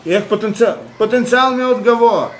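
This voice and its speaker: A man teaching a Torah class, pausing often with fillers and rhetorical questions. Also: extremely high pitch. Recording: echoey room with faint background noise.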